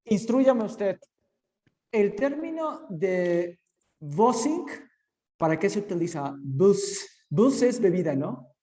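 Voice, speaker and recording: Slow-speaking male student in a reverberant room. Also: sits high, big pitch swings, dark tone. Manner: slow, careful repetition of words after the teacher. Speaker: English student. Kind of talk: online speaking lesson.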